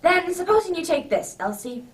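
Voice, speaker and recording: A distant-sounding woman acting as a kindly gentleman doctor playing Santa in a radio play. The voice is high and hearty, swinging freely through bluff, old-fashioned exclamations. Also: big pitch swings, normal speed, slight background noise. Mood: kindly, puzzled. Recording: distant microphone.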